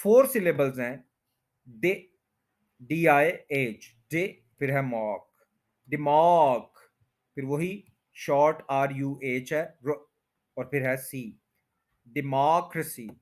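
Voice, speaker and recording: A man teaching English word stress in a slow explanatory lesson, repeating each word and stretching its syllables. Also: medium pitch, expressive. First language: Urdu or Hindi.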